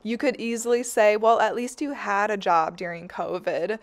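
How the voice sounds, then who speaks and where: A woman's voice: mid-range voice, fairly even intonation, normal speed. A woman in her twenties talking to camera in a candid, chatty way, swearing casually now and then. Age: 20s. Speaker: vlogger. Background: background music.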